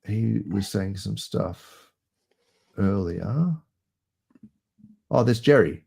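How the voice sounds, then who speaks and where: A man hosting a casual crypto livestream, relaxed and rambling, laughing easily. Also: on the low side, very slow, vocal fry, breathy edge. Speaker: host.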